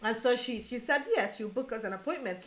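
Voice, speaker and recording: A woman's voice: a little high, fairly quick. A woman co-hosting a vlog, telling a personal story casually and acting out what people said. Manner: animated, quotes others. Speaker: vlog co-host. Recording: echoey room.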